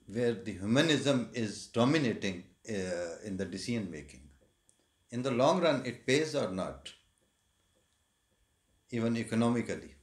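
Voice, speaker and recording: Hesitant male host in an echoey room. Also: fairly low pitch. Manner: hesitant, many fillers, laughs often. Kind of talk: conversational interview.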